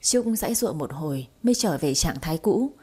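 Woman storyteller, mellow husky voice, steady even reading. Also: sits low, brisk. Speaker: narrator. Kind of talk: storybook narration.

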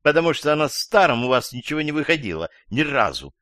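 Man doing a shrill suspicious old woman. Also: brisk, no room sound, studio quality. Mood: agitated. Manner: shrill, accusing, excitable. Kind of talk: audiobook character voice.

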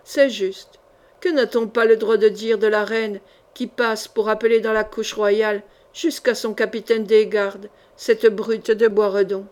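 A woman's voice: mid-range voice, fairly even intonation, measured pace, a little mellow, close to an everyday voice. A woman reading the lines of a proud, scheming queen in a haughty, scornful manner for an audiobook.

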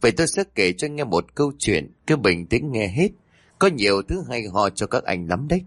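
A man voicing a stern male police officer who speaks in a measured, serious way. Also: on the low side, very animated, dry recording, studio quality.

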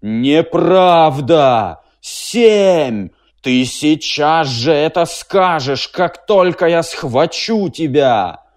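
A man voicing a stubborn, dim-witted giant female machine, speaking slowly and insistently. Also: lively intonation. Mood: furious. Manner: slow, booming, insistent.

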